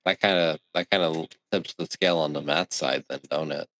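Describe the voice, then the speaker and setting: A man's voice: rumbling low, fairly even intonation, moderate pace, a bit bright. A man co-hosting a podcast in casual chat, wry and laid-back, swearing now and then. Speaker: podcast co-host.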